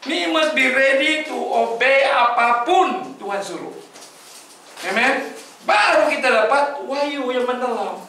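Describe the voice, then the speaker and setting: A man's voice: very high voice, slow, pushed and bright. A male preacher, giving an emphatic sermon and questioning his congregation. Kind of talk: sermon mixing Malay and English. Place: church hall. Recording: echoey hall, voice from far off.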